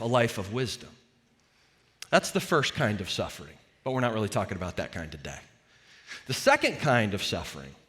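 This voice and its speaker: A man's voice: medium pitch, a bit bright, in a large hall. A male pastor giving a sermon in an earnest, conversational way, speaking to a church congregation. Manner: earnest, conversational preaching with varied emphasis. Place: church sanctuary.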